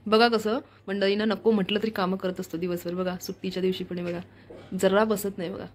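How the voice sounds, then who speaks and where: A woman's voice: medium pitch, flat delivery, brisk. A young woman hosting a casual home vlog, chatting to viewers and constantly pointing things out around her kitchen. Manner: chatty, keeps repeating "look" to viewers. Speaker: vlog host.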